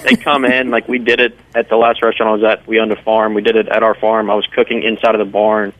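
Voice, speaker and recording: A man's voice: lowish voice, fast talker, rough recording. A man with a Southern US accent from South Carolina, a guest chef talking casually in a radio interview, rambling and saying "like" a lot. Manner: relaxed, rambling, says "like" often.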